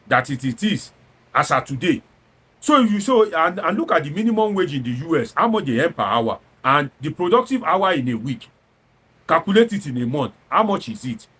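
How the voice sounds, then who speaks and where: A man with a Nigerian accent and a high-pitched, fairly bright, breathy voice hosts a show, offering opinionated commentary. He is emphatic and exhortatory, mixing in Pidgin and driving his points home with rhetorical questions and repetition.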